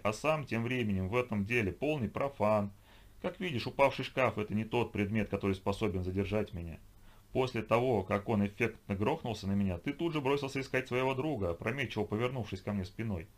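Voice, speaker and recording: A man voicing a calm, contemptuous inhuman twilight creature that taunts its human enemies. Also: fairly low pitch, natural voice. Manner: calm, mocking, superior. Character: cold, contemptuous inhuman twilight being, female.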